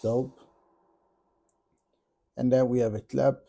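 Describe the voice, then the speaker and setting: A man from South Africa with a South African accent, calmly walking through how he builds a track, step by step, in a casual tutorial. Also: medium pitch, slow, gravelly. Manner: relaxed step-by-step explaining. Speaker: music producer tutorial host. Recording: music playing in the background.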